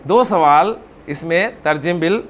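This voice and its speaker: Man, Arabic grammar teacher, high voice, patient explaining, calls on students, drawn-out repetitions. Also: a little hiss or hum. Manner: repeats words slowly, drawing them out. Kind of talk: classroom grammar lesson.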